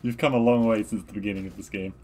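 A man's voice: fairly low pitch, fairly even intonation, fast, darkish tone. A man chatting casually and teasing his friend while watching a game. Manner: teasing, laughs often, advising. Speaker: co-player commentating. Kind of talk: casual gameplay chat.

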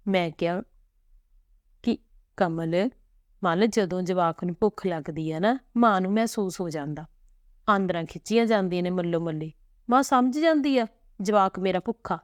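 A woman voicing a grieving older mother from a village who recounts her loss slowly and tearfully. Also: fairly low pitch, dry recording, studio quality, close to an everyday voice. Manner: tearful, slow storytelling.

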